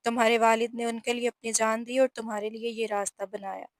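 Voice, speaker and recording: A woman's voice: a little high, little pitch movement, fairly quick, no echo, close to an everyday voice. A woman voicing a stern protective mother, firm scolding tone, dry recording. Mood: tearful.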